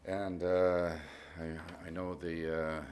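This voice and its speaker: A man introducing himself to a town board as a willing applicant, speaking modestly and haltingly. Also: low voice, little pitch movement, darkish tone, clean tone. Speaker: committee applicant.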